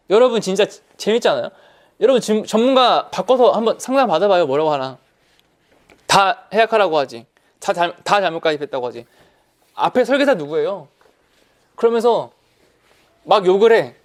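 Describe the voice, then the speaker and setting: A man giving an online lecture on insurance, talking in an animated, colloquial way and repeating key words for emphasis. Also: sits high. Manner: animated, acts out salespeople's lines in quotes.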